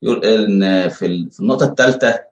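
A man with an Egyptian Arabic accent preaching a conversational sermon, asking rhetorical questions and pausing on fillers. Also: fairly low pitch, lo-fi sound. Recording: echoey room.

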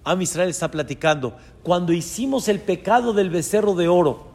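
A rabbi gives an earnest sermon on scripture and weaves in Hebrew terms. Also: male voice, high-pitched, animated, normal speed, darkish tone, long reverb tail.

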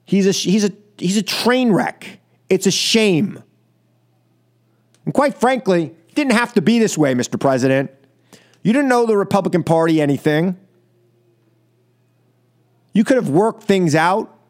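An American man with a high voice hosts a political radio show, delivering his views as an emphatic, scolding monologue. He makes his points in short phrases, repeating them for force, and speaks expressively and unhurriedly with frequent pauses.

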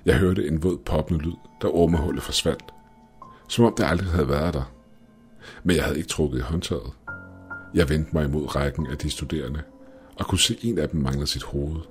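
Steady, measured male horror narrator with an extremely low voice, faint music underneath. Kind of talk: first-person horror story narration.

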